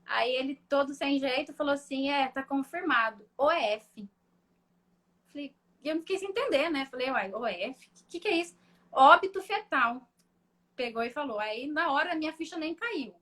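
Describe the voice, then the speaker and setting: A young woman, a guest in a live chat, telling a painful personal story in a halting, emotional way. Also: high voice, lively intonation. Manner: emotional, halting, full of fillers and restarts.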